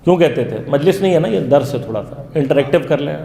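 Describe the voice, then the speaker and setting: A man's voice: a little high, animated, gravelly, mellow. Man teaching a lesson in an echoey hall. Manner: asks the audience questions and answers them himself. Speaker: religious lecturer. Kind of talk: interactive religious lesson.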